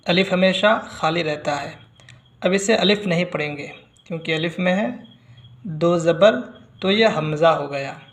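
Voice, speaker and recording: A man's voice: sits high, very echoey. A man teaching Quran reading, patiently explaining and repeating syllables one by one for learners. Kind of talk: slow step-by-step recitation lesson.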